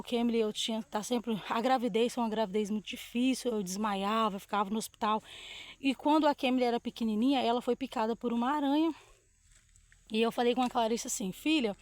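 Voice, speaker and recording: A woman's voice: a little high, a little mellow, no room sound. A middle-aged woman from Brazil, hosting and telling a personal story to her viewers with emotion and lots of diminutives. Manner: emotional, uses many diminutives. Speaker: host. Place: outdoors, dogs and sky in view.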